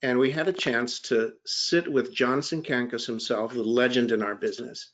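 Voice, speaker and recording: A man in a panel talk winds through a long, self-deprecating career story, often circling back and restarting his sentences. His voice sits at an ordinary mid pitch. The sound comes through a dull, lo-fi line that has lost its crispness. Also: fairly even intonation, normal speed. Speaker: gemology writer and panelist.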